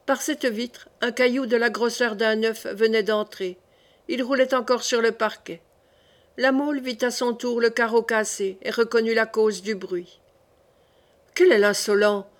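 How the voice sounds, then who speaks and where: A woman narrating a classic novel in a measured, clear reading style. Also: a little high, fairly even intonation. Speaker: audiobook narrator.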